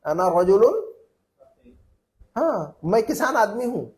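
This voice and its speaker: A man's voice: sits high, sing-song, slow, darkish tone. Patient man drilling phrases in class. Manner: patient, repeats phrases for students to echo; encouraging, prompts students by name. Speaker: Arabic teacher.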